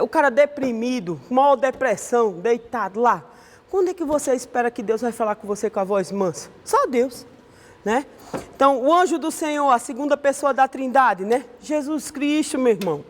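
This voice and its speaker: A woman's voice: sits high, long reverb tail. A woman with a Brazilian accent teaching an online Sunday school Bible lesson in a conversational way, often ending her sentences with a questioning tag. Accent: Brazilian Portuguese.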